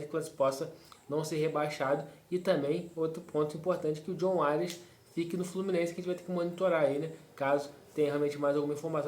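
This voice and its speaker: A man's voice: a little high, darkish tone. A man hosting a football fan channel, talking through club news in casual commentary, rambling with fillers and tag questions. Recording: roomy echo.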